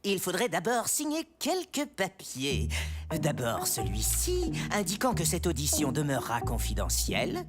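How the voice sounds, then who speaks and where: Smug, swooping cartoon haggler. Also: female voice, fairly low pitch, wildly swooping pitch, normal speed, soft background music. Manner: officious, haggling. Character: smug, grasping, self-important auditioning brass player. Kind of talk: French animated cartoon acting.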